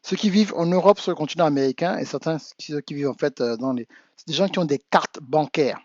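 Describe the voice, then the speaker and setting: A man's voice: a little high, fast, a little mellow, no echo, dull audio. A man from Africa, a business coach giving an insistent talk to his audience that builds to emphatic urging. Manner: insistent, rising to emphatic exhortation. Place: home in the United States.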